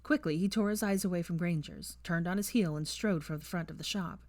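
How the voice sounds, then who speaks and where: A woman narrates a fan fiction audiobook in a fairly low voice, keeping an even, measured pace. The recording is close and dry with no echo, and she steadily guides listeners through each scene.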